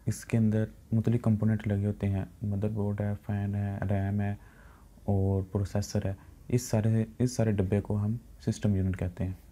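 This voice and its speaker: A man with a Pakistani Urdu accent teaching computer science in a recorded lecture, explaining in plain speech and reading English definitions slowly. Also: lowish voice, warm tone. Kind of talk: recorded lecture over slides.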